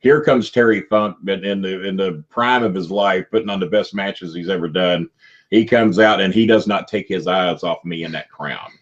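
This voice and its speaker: Man, excitable storyteller, voice climbing high with excitement, muffled lo-fi sound. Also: moderate pace. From Kentucky, USA. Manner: animated storyteller, voice jumps high when excited. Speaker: wrestling manager guest. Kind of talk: storytelling interview.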